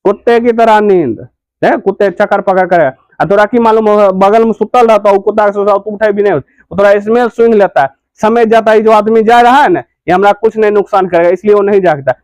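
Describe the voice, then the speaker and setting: Male tutor, high voice, dry close sound, question-and-answer drilling. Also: brisk, a little mellow, clear, resonant tone, no room sound, rough recording. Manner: repeats questions and answers them himself. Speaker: teacher. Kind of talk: classroom grammar lesson.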